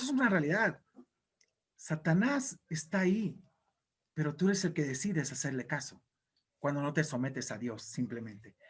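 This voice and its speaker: A male pastor preaching a sermon in an emphatic, exhorting way. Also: fairly high pitch.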